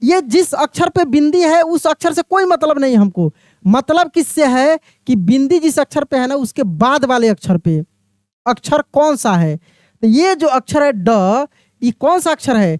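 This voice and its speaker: A man teaching a beginners' reading lesson, explaining slowly, repeating each word and putting questions to the listener. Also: extremely high pitch, lively intonation, darkish tone, no echo, studio quality. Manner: addresses the viewer as my friend.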